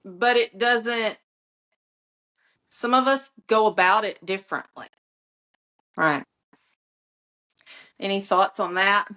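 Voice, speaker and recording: A woman co-hosting a casual podcast chat about yoga, talking playfully in drawn-out phrases and laughing often. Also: medium pitch, bright, forceful tone. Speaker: podcast co-host, yoga teacher.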